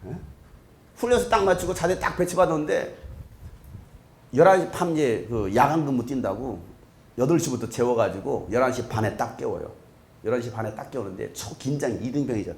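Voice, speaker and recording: A man in his thirties, a pastor giving a lively sermon in a large church hall, joking with the congregation and breaking into shouts. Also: mid-range voice, a little fast. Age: 30s. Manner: joking, animated, bursts into shouts.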